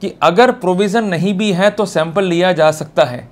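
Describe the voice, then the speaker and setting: At a normal speed, a high-voiced lawyer with an Indian accent teaches law in a classroom manner. He stresses his points informally and addresses listeners head-on, asking them questions to make sure they're with him.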